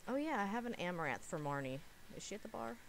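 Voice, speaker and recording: A woman's voice: medium pitch, big pitch swings, fast talker, vocal fry, a little hiss or hum. A woman chatting casually as she plays a co-op game. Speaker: co-op game streamer. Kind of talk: casual gameplay chat. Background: soft game music.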